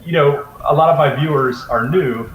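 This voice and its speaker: A man's voice: fairly high pitch, normal speed, echoey room, a little hiss or hum, low-quality recording. A man in his forties from North Carolina, a guest telling stories in a casual interview, easygoing with lots of fillers. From Raleigh, North Carolina. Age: 40s. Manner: easygoing storyteller, frequent fillers. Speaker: interview guest, video creator.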